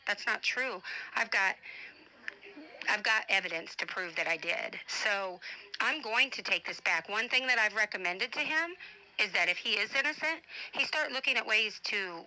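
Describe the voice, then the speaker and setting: A middle-aged woman, an advocate and online broadcaster, records an informal voice-message monologue, blunt, indignant and defensive, swearing freely. Her mid-range voice has a sharp tone, and the audio quality is poor.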